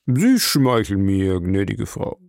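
A man reading a calm polite scientist. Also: on the low side, slow pace, vocal fry, no room sound, clean studio sound, full character voice. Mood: courteous. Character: polite composed male scientist.

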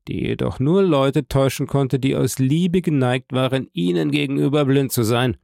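A man's voice: medium pitch, vocal fry, a little mellow, dry recording, clean studio sound. A man voicing a cold, stern male prosecutor who speaks sharply and in commands.

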